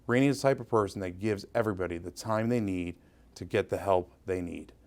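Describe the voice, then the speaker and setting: Low-voiced man reading a tribute. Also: fairly quick, darkish tone. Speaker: award presenter.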